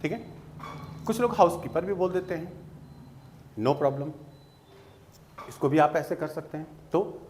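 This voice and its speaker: A man teaching spoken English, explaining slowly and patiently and checking that students follow. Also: fairly high pitch, a little mellow, a little hiss or hum. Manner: slow, patient explaining with checks like "theek hai?".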